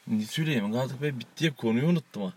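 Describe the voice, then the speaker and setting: A man's voice: mid-range voice, fast, slightly rough. A man co-hosting a casual, joking chat show, rambling and laughing often. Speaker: co-host.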